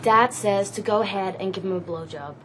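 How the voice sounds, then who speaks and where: A woman plays a blunt, exasperated sister in a TV commercial, at a medium pitch. There is clear noise behind her voice. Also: fairly quick, lightly acted.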